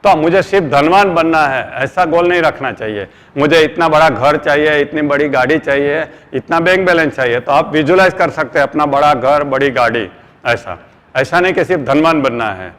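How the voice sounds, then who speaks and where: A middle-aged man with an Indian accent gives a motivational seminar talk as an earnest trainer, calling his listeners friends and mixing in English phrases. His voice sits a little high and a bit bright, at a moderate pace. A long hall reverb surrounds the recording.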